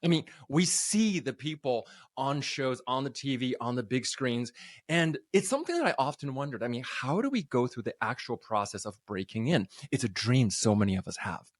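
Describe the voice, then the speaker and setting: A man from North America hosting a casual interview podcast, upbeat and quick to laugh. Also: medium pitch, no room sound, studio quality. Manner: animated, laughs often, upbeat. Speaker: podcast host.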